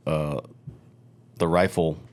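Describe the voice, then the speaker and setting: A man's voice: extremely low pitch, steady tone, takes it slowly, a little mellow. A man hosting a casual interview, putting informal questions to his guest. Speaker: podcast host asking questions.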